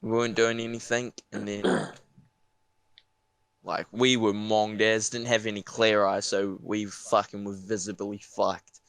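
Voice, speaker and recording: A young guy with a broad Kiwi accent tells a casual story in slangy, sweary talk. His voice sits fairly low and is clean and smooth. The recording is close and dry, and his delivery is laid-back. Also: little pitch movement, slow, long pauses, fairly bright tone, no echo. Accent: broad New Zealand. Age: young adult. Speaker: podcast speaker.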